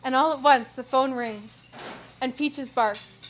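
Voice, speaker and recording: A woman reading a story in a measured, even narration. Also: high voice, faint music behind. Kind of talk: scripted narration.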